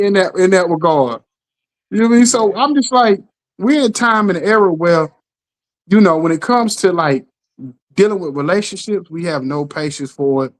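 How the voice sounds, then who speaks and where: A man co-hosting a casual talk show, telling stories with lively acted-out quotes and a steady "you know what I'm saying.". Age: adult parent. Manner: animated storytelling, acts out quotes with jumps in pitch. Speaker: podcast co-host. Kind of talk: casual chat.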